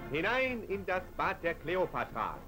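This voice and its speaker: A man's voice: sits high, big pitch swings, normal speed. Man narrating an old newsreel. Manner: crisp declarative announcing. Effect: old newsreel recording. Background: loud music.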